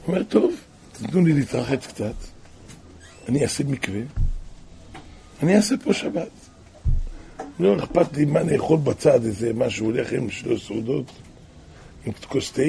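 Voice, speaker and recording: A man telling a religious tale as a sermon, dropping to hushed asides and then crying out loud repeated calls. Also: creaky, a little hiss or hum. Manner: shifts from hushed low asides to loud cried-out repetitions. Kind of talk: storytelling sermon.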